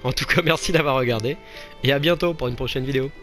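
Soft music plays behind a man talking fast in a medium-pitched, fairly bright voice during a casual let's play. He ridicules himself and laughs and exclaims whenever an attempt fails.

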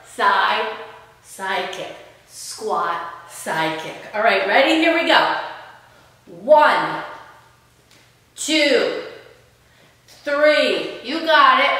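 A woman's voice: sits high, bright, forceful tone. A woman fitness instructor leading a home workout, counting reps and cueing moves in an upbeat, encouraging way. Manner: upbeat, encouraging, urging listeners on. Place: room in own house. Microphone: camera at a distance, self-filmed. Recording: echoey room, long reverb.

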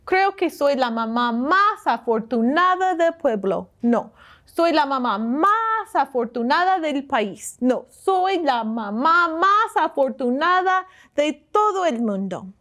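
A woman's voice: high voice, very animated, slow pace, fairly bright tone, exaggerated voice. A woman voicing a cheerful mother who boasts about her daughters in a read-aloud storybook. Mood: proud.

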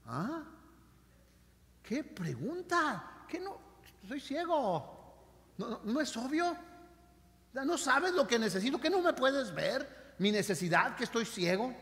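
An exasperated blind beggar, put on by a preacher, rattles off incredulous questions in a high, strained voice. The sound rings through a reverberant church hall. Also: male voice, a little fast, hardly any pauses, fairly bright tone. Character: exasperated blind man pleading by the road.

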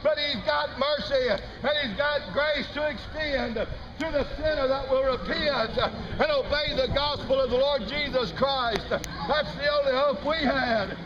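A middle-aged man street preaching outdoors through a handheld mic, fervently warning of hell in a small-town street. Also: very high voice. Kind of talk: open-air street preaching. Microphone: handheld mic into a loudspeaker, filmed from nearby. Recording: muffled outdoor phone video, crowd and traffic. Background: crowd and traffic noise.

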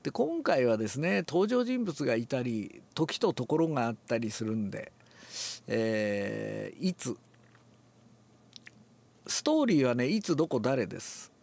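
An older man, relaxed and musing aloud, explains a classical Japanese text before reading it aloud and demonstrates with his voice. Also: mid-range voice, measured pace, gravelly. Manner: relaxed, talks to himself, demonstrates accents aloud. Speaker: reading teacher.

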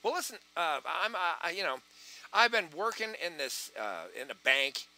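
A man's voice: high-pitched, sing-song, moderate pace, sharp tone, heavily acted. Man doing a chatty, folksy woman teller on a phone call, friendly. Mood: hesitant. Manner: folksy, calls people honey.

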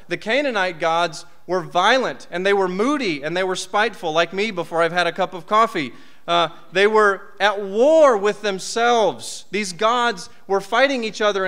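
Male preacher, 30s: high, crisp voice, conversational and lively delivery at a church podium. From United States. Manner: conversational, lively preaching with asides and rhetorical questions. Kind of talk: sermon. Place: church hall. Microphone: podium mic.

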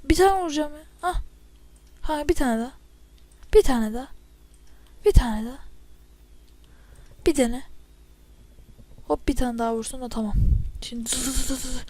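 A woman casually commentating her own gameplay into a headset mic, excitable and often breaking into loud yells. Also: high voice, moderate pace, pauses often. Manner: excitable, bursts into loud yelling at setbacks. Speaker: gamer commentating own play. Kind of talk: casual let's-play commentary. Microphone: spare headset mic.

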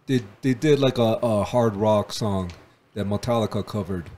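A man with a fairly low voice talks casually as a podcast co-host. He halts, repeats himself and fills the gaps with "uh" and "like," laughing often. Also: warm tone, a little hiss or hum. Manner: halting, many fillers and restarts, laughs often.

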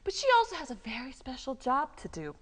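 A woman leading a live children's yoga class in a library, coaxing and animated, with Spanish words sprinkled in. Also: sits high, quick pace, big-room sound. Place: public library room, live audience.

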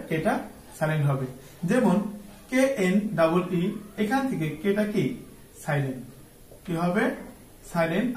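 A man's voice: high voice, recorded from a distance. Man teaching pronunciation in a roomy space. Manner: asks the class questions, then answers them himself; spells words out letter by letter. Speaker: English tutor. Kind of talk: spoken lesson.

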